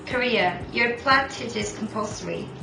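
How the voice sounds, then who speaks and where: A woman's voice: on the high side, normal speed, vocal fry. A woman playing a port control operator on a marine radio call, speaking in clipped, formal radio procedure. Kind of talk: scripted maritime radio role-play. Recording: echoey room with music underneath.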